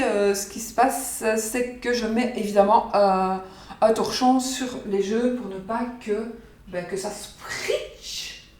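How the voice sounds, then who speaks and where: A woman's voice: on the high side, darkish tone. A woman vlogger chatting casually to her viewers, rambling and repeating herself with many fillers, in her home kitchen. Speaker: psychic vlogger presenting her oracle cards. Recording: roomy echo, voice from far off the mic.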